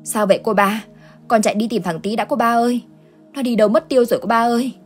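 A woman's voice: fairly high pitch, fairly even intonation, fast talker, slightly rough, voice pushed up. A frantic young village mother from a spoken ghost story, her voice raised and anxious as she pleads over her missing son, as a woman puts her on. Faint music runs beneath. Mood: panicked.

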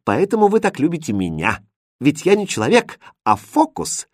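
A man's voice: a little high, huge pitch swings, normal speed, no room sound, studio quality, pitched above the performer's own voice. Court jester, cheeky, mocking, raised voice, man reading. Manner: bright, mocking. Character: cheeky quick-witted male court jester.

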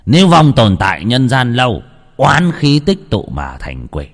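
A man voicing an old village shaman who gives stern, gruff orders slowly. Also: medium pitch, huge pitch swings, full character voice. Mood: solemn. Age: older. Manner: slow, stern, gruff commands. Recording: long reverb.

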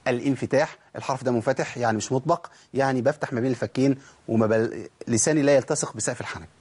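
رجل مصري يعطي درس تجويد بلهجة مصرية، يشرح خطوة بخطوة ويطرح الأسئلة ويجيب عليها بنفسه. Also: male voice, medium pitch, very fast, a little mellow, husky. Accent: Egyptian Arabic. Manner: explains step by step, asks and answers his own questions; acts out students' objections. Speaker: Quran recitation teacher. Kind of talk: tajweed lesson.

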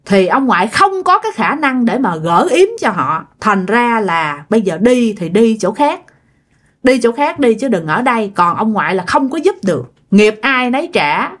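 Brief: woman storyteller, chatty, lively swooping pitch. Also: moderate pace. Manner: chatty, addressing listeners directly. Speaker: storyteller host. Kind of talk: casual ghost-story narration.

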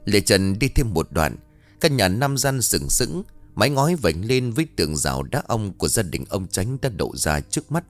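Low-voiced man narrating a ghost story. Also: big pitch swings, moderate pace, faint music behind.

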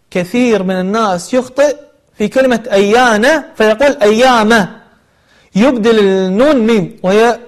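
A man teaching a tajweed lesson, explaining patiently and repeating sounds to correct pronunciation. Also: extremely high pitch. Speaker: Quran recitation teacher.

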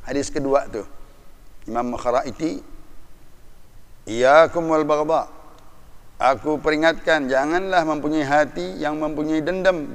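Guy giving a sermon, mid-pitch voice, long echo of a big hall. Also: vocal fry. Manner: animated, talks straight to the congregation with rhetorical questions. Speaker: preacher.

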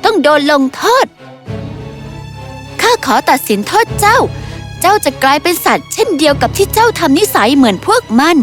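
A woman voicing a stern female fairy of truth who pronounces judgment slowly and solemnly, in a storybook tale. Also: sits high, sing-song, soft background music, voice pushed up.

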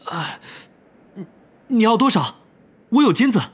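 A man's voice: high voice, very animated, unhurried, breathy edge, pitched above the performer's own voice, exaggerated voice. A man voicing a tense, determined teenage wizard who speaks earnestly and sometimes hesitantly.

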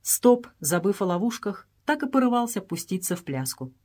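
Lady reading an audiobook, steady storytelling, middle pitch. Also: moderate pace. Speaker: narrator. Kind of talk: audiobook narration.

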